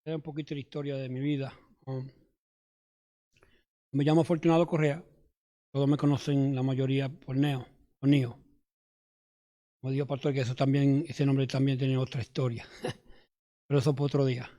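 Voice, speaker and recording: A man from New York with a New York Spanish accent, giving a nervous, halting personal testimony in church. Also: mid-range voice, flat delivery, dark tone.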